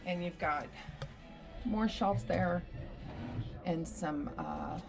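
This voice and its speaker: A woman with a fairly low voice gives a casual walking room tour, pointing things out as she goes. She sounds a little out of breath, and faint music plays behind her. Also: drawn-out words, gravelly. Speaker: vlogger giving a room tour.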